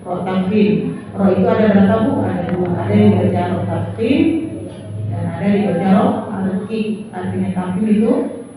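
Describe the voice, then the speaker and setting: A woman's voice: medium pitch, normal speed, a crowd in the background. A woman teaching Quran recitation to a group of women, patiently demonstrating each verse and explaining the rules. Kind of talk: tajwid lesson to women. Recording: echoey room, far from mic.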